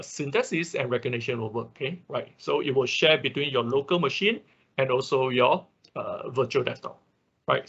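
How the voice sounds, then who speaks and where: A male online instructor gives an informal, hands-on technical walkthrough of steps, regularly checking in with brief tags. His medium-pitched voice is creaky, husky and a bit bright, captured by a dull computer microphone in an online class.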